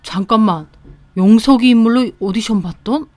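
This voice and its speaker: A woman's voice: fairly high pitch, moderate pace, a little mellow, dry recording, natural voice. A woman doing a stern, scornful husband. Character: angry middle-aged husband, film producer.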